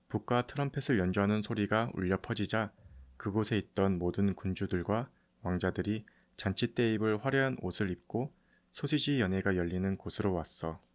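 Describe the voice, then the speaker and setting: Low-voiced man reading a bedtime storybook to children. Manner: storytelling as if to a child, in familiar speech. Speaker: audiobook narrator. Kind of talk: scripted storybook narration for bedtime.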